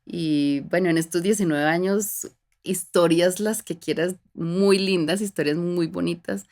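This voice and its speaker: Una mujer colombiana de unos treinta años, con acento de Bogotá, que conversa como invitada en una entrevista y cuenta sus vivencias con pausas y muletillas. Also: female voice, on the low side, steady tone. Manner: reflective, warm storytelling with frequent fillers and restarts. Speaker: guest. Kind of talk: casual conversational interview.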